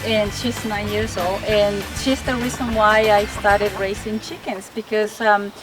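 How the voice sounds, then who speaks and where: A woman's voice: medium pitch, little pitch movement, unhurried, music in the background. Woman from El Salvador, distant mic. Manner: friendly, slightly broken English. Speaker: backyard chicken keeper. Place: backyard with chickens. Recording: distant mic with background noise. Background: chickens.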